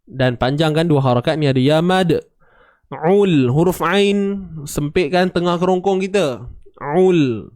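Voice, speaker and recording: A patient man teaches Quranic recitation, pausing to sound out and repeat syllables. His voice is smooth and clear, unhurried and a bit raised in pitch. It is heard close and dry, with no room around it. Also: a little mellow, no room sound. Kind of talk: tajwid lesson with recited examples.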